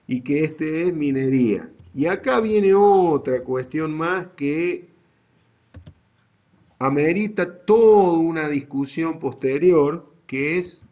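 Un hombre con acento argentino que da una clase universitaria en línea, explicando con calma y paso a paso. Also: male voice, on the high side, highs cut off. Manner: slow, deliberate explaining to students. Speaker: university GIS teacher. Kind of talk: online class lecture.

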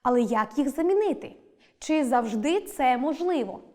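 A woman teacher reading a scripted lesson, clear and deliberate, stressing each example word. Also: sits high, expressive, a little mellow.

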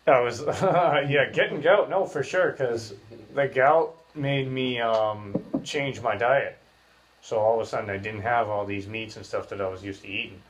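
A man's voice: medium pitch, a little slow. A man in his thirties hosting a casual podcast, speaking through clenched teeth with his jaw wired shut, rambling and slangy. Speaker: podcast host. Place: small bare room, indoors.

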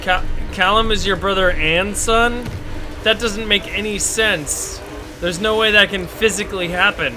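A man's voice: sits high, unhurried, background noise. A young man, drunk, swearing freely as he plays a horror game live and reads its notes aloud in a mock-official tone. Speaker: streamer playing a horror game. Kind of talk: drunk live-stream commentary.

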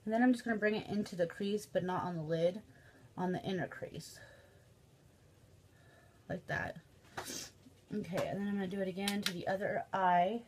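A woman's voice: medium pitch, steady tone, normal speed, long pauses, darkish tone. A young woman with a Midwestern American accent talks through her makeup in a loose, chatty way, full of ums and likes. Her nose is stuffed up and she sniffles now and then. A faint hiss sits under her voice. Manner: chatty, filler-heavy, says um and like often. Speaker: beauty vlogger. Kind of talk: casual makeup tutorial chat.

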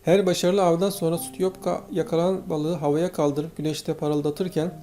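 Mellow-voiced male audiobook narrator. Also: on the high side, normal speed. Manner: steady storytelling. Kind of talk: scripted narration. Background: faint guitar music.

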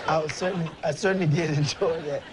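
A man's voice: on the high side, steady tone, fast. A man hosting a live call-in TV show, struggling not to laugh as he talks. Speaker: TV show host. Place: TV studio. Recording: noisy lo-fi clip with loud crowd. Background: loud crowd noise and laughter.

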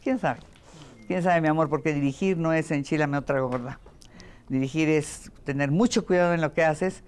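An older woman with a Mexican Spanish accent, a veteran voice actress chatting in an interview, telling lively stories and mimicking voices. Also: sits low, normal speed. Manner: lively storytelling with playful voice imitations. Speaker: voice actress and dubbing director. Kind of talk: casual interview chat.

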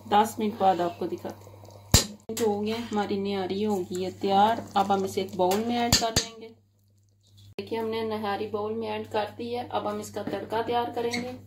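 Home-cook host, woman, Pakistani Urdu accent, monotone and unhurried, phone recording with clear kitchen sizzle. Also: mid-range voice, heavy background noise. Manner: steady, even, unhurried instructions. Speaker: cooking channel host. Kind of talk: step-by-step recipe narration.

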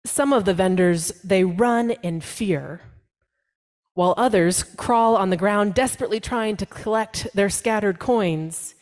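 Woman pastor, storytelling sermon, second-person narration, medium pitch. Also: unhurried, a little mellow. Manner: second-person narration, dramatic voicing of quotes.

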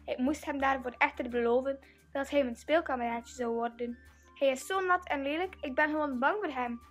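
A woman voicing a spoiled young princess who exclaims loudly and indignantly. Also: sits high, moderate pace, faint music behind, natural voice. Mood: complaining.

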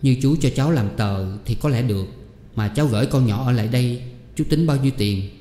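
A man's voice: medium pitch, a little fast, mellow, slight background noise, close to an everyday voice. A man voicing a humble young mother who pleads politely with her elders. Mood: pleading. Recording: echoey room with long reverb.

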